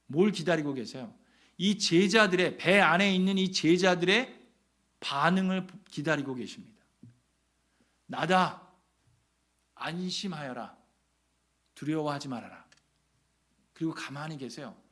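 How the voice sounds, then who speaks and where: Man pastor, high voice, revival sermon; dramatic storyteller, asks the church questions, drops to a hush then builds back up. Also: normal speed. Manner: dramatic storytelling, rhetorical questions, swings from loud to hushed. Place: church sanctuary.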